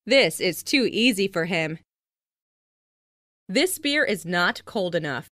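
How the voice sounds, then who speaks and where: A woman reading simple English phrases slowly and carefully for learners, saying each one twice. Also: fairly low pitch, animated, a bit bright, dry recording, clean studio sound. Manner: careful, clearly enunciated, each sentence said twice.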